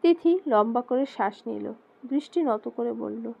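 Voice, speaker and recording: A woman narrating a romantic drama story in a steady, dramatic storytelling manner. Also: fairly high pitch, a little slow, vocal fry, breathy edge. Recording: slightly dull lo-fi recording.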